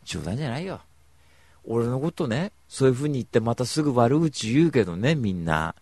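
Gravelly-voiced man rambling on the radio. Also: mid-range voice, brisk, dry recording. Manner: rambling, emphatic, animated storytelling. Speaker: radio show host. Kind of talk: casual solo radio talk.

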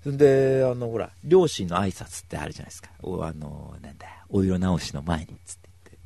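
A man telling stories in a casual monologue, animated, acting out other people's lines in voices. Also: low-pitched, fast, vocal fry, slightly rough, dry recording.

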